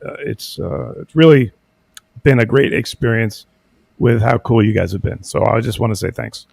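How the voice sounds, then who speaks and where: A man talking as a guest in a casual interview, rambling and hesitant with many pauses and fillers. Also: lowish voice, creaky, darkish tone, dry recording. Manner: rambling, many ums and uhs, halting.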